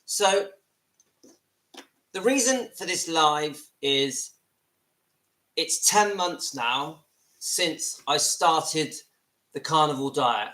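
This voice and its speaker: A man's voice: a little high, animated, drawn-out words, pauses often, bright, forceful tone, roomy sound, low-quality recording. A man in his fifties with a West Country English accent, talking earnestly and a little self-deprecatingly to viewers from his home in a casual live video. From southwest England. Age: 50s. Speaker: vlogger. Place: at home, seated.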